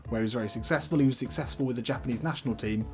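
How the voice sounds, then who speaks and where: A man's voice: mid-range voice, rapid-fire. A man who makes gaming videos, giving casual commentary on a football video game, chatty and thinking aloud about his team choices. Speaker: gaming YouTuber. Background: background music.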